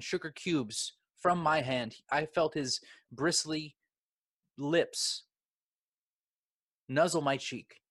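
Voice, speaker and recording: A man's voice: mid-range voice, a bit bright, no room sound. A man co-hosting a comedy podcast in an impassioned, self-righteous, mock-serious way. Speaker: podcast co-host.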